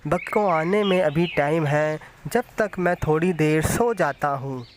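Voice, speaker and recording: A sick, gentle donkey from a cartoon storybook , as a man puts him on, speaking in a slightly high voice and pleading apologetically. He talks slowly. Faint outdoor ambience hums behind him. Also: slight background noise, close to an everyday voice.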